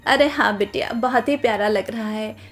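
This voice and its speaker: A woman voicing a kind, humble elderly village aunt in a cartoon story, speaking softly and politely. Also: fairly high pitch, normal speed, soft background music, natural voice. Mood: gentle.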